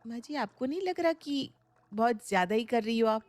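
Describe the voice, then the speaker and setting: A woman's voice: on the high side, animated, a little fast, dry recording, lightly acted. A woman voicing a suspicious young bride who answers her mother-in-law with defiance and sarcasm. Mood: defiant.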